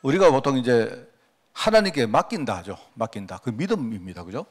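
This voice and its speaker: A man's voice: mid-range voice, sing-song, a little fast. Man preaching a conversational sermon. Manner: conversational, poses rhetorical questions to the congregation; acts out quoted prayers and remarks. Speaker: pastor.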